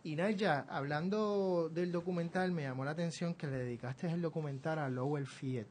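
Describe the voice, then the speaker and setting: A man hosts a radio interview in Puerto Rican Caribbean Spanish. His voice sits a little high, and he phrases questions reflectively, with some hesitation. A faint low rumble runs under the recording. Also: moderate pace, a little mellow. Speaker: radio show host interviewer.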